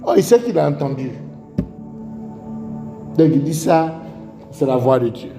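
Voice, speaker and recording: A man's voice: on the high side, expressive, measured pace. A man with an Ivorian French accent preaching a sermon, telling stories and asking rhetorical questions. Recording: echoey hall with faint music.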